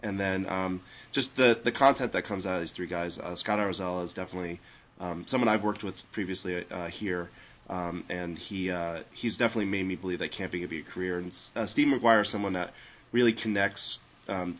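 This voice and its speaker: Low-voiced New Jersey man, rambling. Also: fairly bright tone. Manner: rambling, many fillers and restarts. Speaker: podcast co-host. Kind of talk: casual chat.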